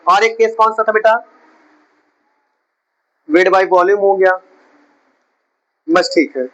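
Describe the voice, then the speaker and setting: A man's voice: high voice, pushed and bright, rough recording. A man teaching a chemistry class in a coaching centre, questioning and scolding his students as he explains.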